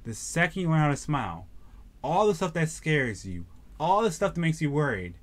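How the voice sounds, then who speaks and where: A man voicing a calm, protective young male anime hero, speaking low and earnest as he retells a scene. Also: moderate pace.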